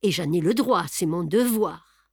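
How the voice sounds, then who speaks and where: A woman's voice: fairly low pitch, lively intonation, measured pace, breathy edge, no echo, clean studio sound, full character voice. A woman reading aloud the hesitant inner thoughts of a young male amateur detective. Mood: torn.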